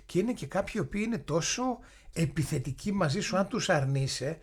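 Husky-voiced male interview host. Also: a little high, lively intonation. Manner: chatty, tells personal stories. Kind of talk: conversational interview.

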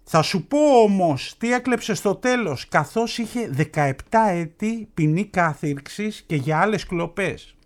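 A man co-hosting a radio show in casual banter, telling a news story slowly, with drawn-out words and dramatic pauses. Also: sits high, animated.

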